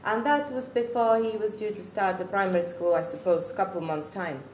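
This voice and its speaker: Speaking a little fast in a mid-range, slightly mellow voice, a middle-aged Czech woman gives an earnest and reflective personal testimony about parenting. She's a native Czech speaker from the Czech Republic with a Czech accent, and she searches for her words. The room sounds echoey, with faint noise.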